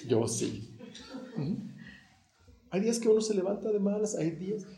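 A man's voice: high voice, lively intonation, moderate pace, warm tone, echoey room. A middle-aged man with a central Mexican accent preaching a sermon, talking conversationally and acting out quoted prayers and dialogue. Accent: central Mexican Spanish.

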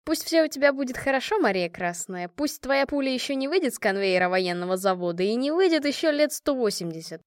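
Woman reader doing the squad leader, warm jokey toast voice, highish, dead dry sound. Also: animated, fast, hardly any pauses, no echo. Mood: fond toast. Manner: affectionate, joking toast-giver. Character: commander of a women's squad, warm and teasing. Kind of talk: audiobook character reading.

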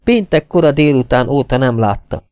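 A man's voice: medium pitch, animated, a little mellow, no echo, clean studio sound, natural voice. A man voicing a worried young woman in an audiobook, speaking anxiously about her missing sister. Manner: anxious, pleading.

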